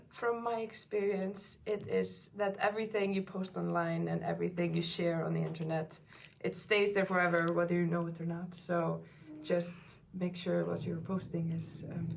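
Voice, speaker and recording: Young woman, interviewee, monotone delivery, gravelly fry. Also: fairly low pitch, moderate pace, a little hiss or hum. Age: teens or young adult. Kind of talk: casual interview answers.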